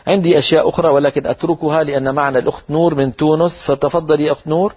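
Male recitation teacher, husky and fairly high, explains rules and demonstrates words slowly. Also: steady tone, a little mellow.

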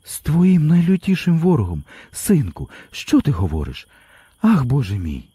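A man's voice: medium pitch, huge pitch swings, fairly quick, mellow, breathy edge, dry recording, voice pushed up. A man voicing an anguished old peasant mother who pleads with her sons in an audiobook reading. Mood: anguished pleading. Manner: pleading, tearful.

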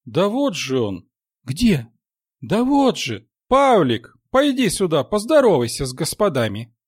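A fussing, doting old nanny, as a male narrator puts her on, her voice climbing high and sing-song. Lively and a little loud, with a husky edge on a dry, close recording. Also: unhurried, no room sound. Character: fussy fat old woman nanny, doting.

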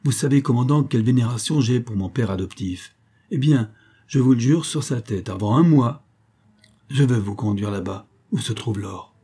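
A man's voice: medium pitch, normal speed, dark tone, breathy edge, natural voice. A man voicing an earnest, fearful young Indian man who pleads fervently in a spoken storybook.

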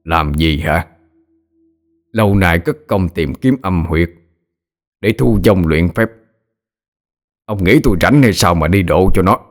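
A man's voice: deep voice, lively intonation, slow, pauses often. A man voicing a greedy, treacherous old sorcerer in an audio horror story, gloating and scornful.

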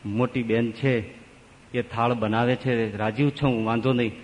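A man voicing a timid younger sister who pleads softly in a low, hushed voice. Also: fairly even intonation, a little slow, lightly acted. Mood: pleading. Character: meek, tearful younger sister, timid and longing. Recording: long reverb of a large hall.

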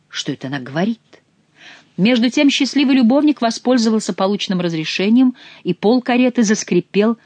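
An audiobook reader narrating a historical novel with expressive storytelling. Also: medium pitch, dry recording.

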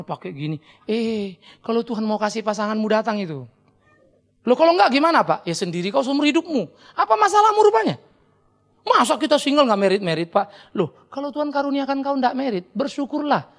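A middle-aged man with an Indonesian accent preaching a sermon as pastor, animated and teasing, acting out his listeners in quick asides. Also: high-pitched, gravelly.

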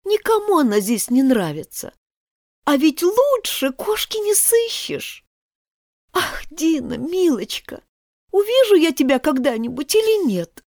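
A woman's voice: very animated, a little slow, darkish tone, no echo, clean studio sound, heavily acted. Alice, a woman doing an eager girl. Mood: wistful. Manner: high, earnest and eager to please.

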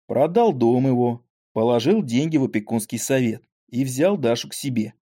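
Guy reading an old novel aloud, calm and steady, darkish mellow voice. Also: medium pitch, normal speed. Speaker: narrator. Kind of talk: audiobook narration of classic prose.

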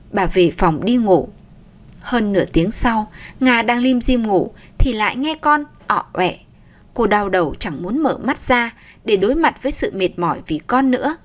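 Female storyteller, steady scripted narration, higher voice. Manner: steady, descriptive.

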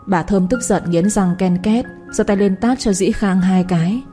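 A woman narrating a story in a steady, measured way, over faint music. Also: mid-range voice. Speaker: audiobook narrator.

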